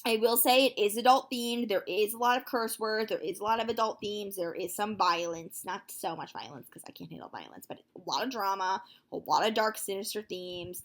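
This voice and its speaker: A nineteen-year-old woman talking casually to her viewers in a vlog, chatty and full of fillers, quick to exclaim. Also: mid-range voice. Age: young adult, nineteen. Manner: excitable, quick to gasp and exclaim. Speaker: vlogger.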